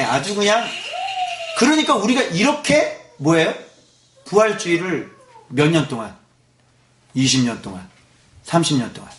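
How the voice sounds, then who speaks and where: A man's voice: high-pitched, a bit bright, reverberant. A male pastor giving a Sunday morning sermon in a church, firing rhetorical questions at the congregation. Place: church sanctuary.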